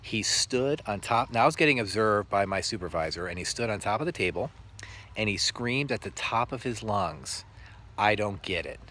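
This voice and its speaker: A male teacher telling reflective stories about his work in an earnest, halting way with many pauses. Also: on the low side, expressive, pushed and bright, slight background noise. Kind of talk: reflective storytelling monologue.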